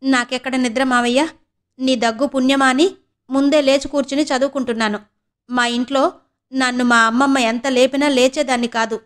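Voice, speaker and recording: A cheeky young niece and student in an audiobook, as a woman narrator voices her, teasing and grumbling in quick, chatty asides. The voice is fairly high and lively. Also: natural voice.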